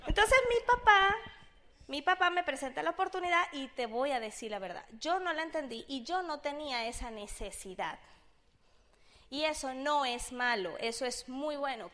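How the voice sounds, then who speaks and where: Woman, venezuelan accent, high voice, animated storyteller, acts out quoted voices. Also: moderate pace. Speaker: speaker sharing a personal business testimony. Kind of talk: casual storytelling to an audience.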